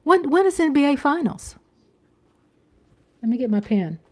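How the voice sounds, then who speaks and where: Her voice sits high and swings widely in pitch at a normal speed as this fifty-something woman hosts a livestream, chatting casually, often repeating herself and checking in with viewers via "you know."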